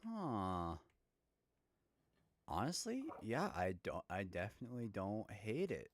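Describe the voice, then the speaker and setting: A man's voice: lowish voice, sing-song, unhurried. A man playing a game with a friend, playful and teasing in casual chat. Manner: playful, teasing, joking asides. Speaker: co-player.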